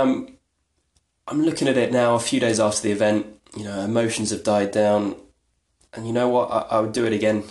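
Male podcast host, low gravelly voice, flat delivery, rambling and self-deprecating, echoey room. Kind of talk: casual solo podcast talk.

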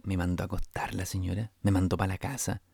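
Telling comic stories about his stand-up gigs, a young comedian host with a Chilean accent rambles, restarts and adds sound effects. He talks fast in a low, husky, creaky voice with a warm tone and flat delivery.

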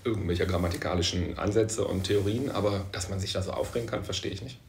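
A man co-hosting a casual talk show in a relaxed, joking way. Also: sits low, fast talker. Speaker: podcast co-host. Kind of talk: casual chat. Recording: echoey room, faint background noise.

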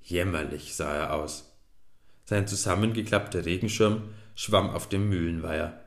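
A man narrating a children's storybook in a lively, expressive way, in an echoey room. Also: sits low, normal speed. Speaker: audiobook narrator.

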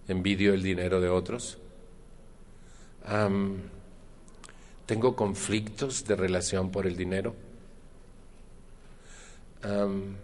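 A man's voice: lowish voice, a little hiss or hum. A man with a Mexican accent giving a personal testimony at a support group meeting, chatting with the room, often asking questions and using earthy slang. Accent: Mexican Spanish. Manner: conversational, asks the audience questions.

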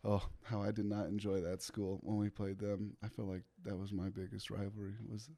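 A young man speaks with a slightly low voice. He tells his story in a relaxed way, with plenty of casual fillers. He laughs often as he talks. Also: brisk. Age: young adult. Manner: laid-back, laughs often, filler-heavy. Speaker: guest, pitcher.

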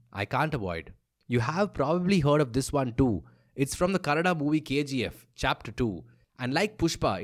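Brisk man hosting a news podcast. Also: mid-range voice. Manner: brisk, conversational, lightly playful. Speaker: podcast host. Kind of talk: scripted news explainer.

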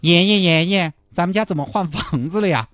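Brief: man playing a six-year-old boy, high, whiny, puzzled. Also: a little fast, a bit bright, no room sound, faint music behind. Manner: whiny, questioning.

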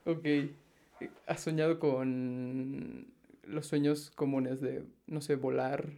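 A woman with a Mexican accent and a notably deep voice leads the chat with questions. She answers in short, teasing remarks. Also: little pitch movement, takes it slowly, warm tone. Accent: Mexican Spanish. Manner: asks questions, short backchannel replies, teasing. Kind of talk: casual chat.

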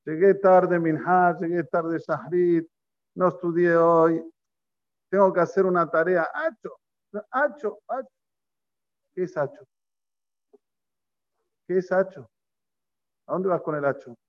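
Man, rabbi teaching Torah, high voice, rhetorical questions, slightly muffled lo-fi recording. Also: a little slow, long pauses. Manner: animated, fires rhetorical questions, repeats phrases for emphasis. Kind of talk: Torah class sermon.

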